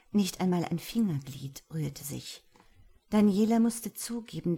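A woman reading a novel aloud in steady, dramatic narration. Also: deep voice, vocal fry, husky. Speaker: audiobook narrator.

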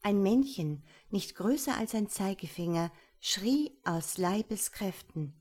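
A woman reads a fairy tale aloud in a calm, unhurried storytelling tone. She keeps a mid-range voice and lets each sentence unfold slowly. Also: mid-range voice. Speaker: narrator.

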